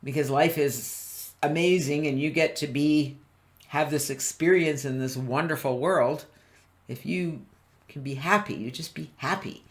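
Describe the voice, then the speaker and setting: A woman business coach giving a live online training, animated and constantly quizzing her listeners. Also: low voice, unhurried. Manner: animated, keeps quizzing the audience. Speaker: business coach presenting a webinar.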